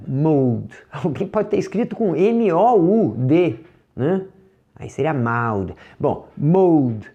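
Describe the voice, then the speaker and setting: A man with a Brazilian Portuguese accent teaching English vocabulary in a recorded lesson, patiently drilling each word and slowing down to model how it sounds. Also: medium pitch, dark tone, dull audio. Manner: patient, drills words, slows down to model pronunciation.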